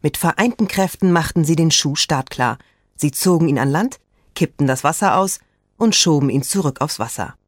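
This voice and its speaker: A storyteller reading a children's story aloud in a lively, expressive way, slowing down for emphasis. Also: medium pitch, no room sound, clean studio sound. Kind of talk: scripted children's story narration.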